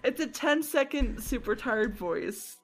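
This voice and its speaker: A woman co-hosting a casual podcast chat, teasing and quick to laugh. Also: fairly high pitch, lively intonation. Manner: teasing, giggly. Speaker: podcast co-host.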